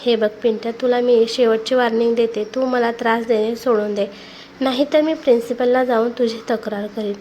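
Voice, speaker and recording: Woman voicing a sharp-tongued young college girl, storybook, higher-pitched. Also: fairly even intonation, moderate pace, a little hiss or hum, close to an everyday voice. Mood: angry. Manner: sharp, scolding. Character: outspoken young female college student.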